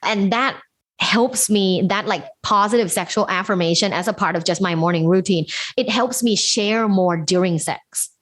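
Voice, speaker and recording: A woman from Thailand, appearing as a guest sex educator, talks candidly and chattily in a casual interview, laughing often and using lots of fillers. Her mid-range voice is a bit bright and moves at normal speed.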